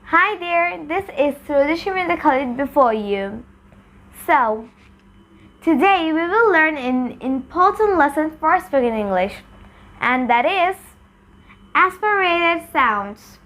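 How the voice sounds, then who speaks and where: A woman's voice: high voice, animated, drawn-out words, a bit bright. A young adult woman teaching spoken English, switching between Bengali and English and repeating sounds and single words to demonstrate them. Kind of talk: bilingual pronunciation lesson.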